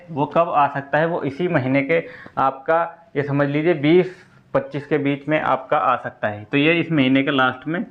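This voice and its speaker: In dull-sounding audio, a man whose voice is a little high walks exam candidates through news updates. He keeps it informal, moves step by step, and goes over the main points more than once.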